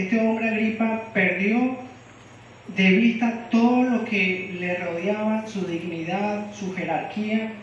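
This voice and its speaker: Slow-preaching man in an echoey church. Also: high-pitched, a little hiss or hum. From Venezuela. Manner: asks the congregation frequent questions. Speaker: lay preacher. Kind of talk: sermon. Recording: echoey room, distant mic, dull sound.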